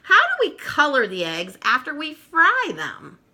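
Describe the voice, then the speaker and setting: Woman as a polite, naive, high-voiced girl. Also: wildly swooping pitch, measured pace, pushed and bright, heavily acted. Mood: hesitant. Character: polite, naive, deferential girl in children's story.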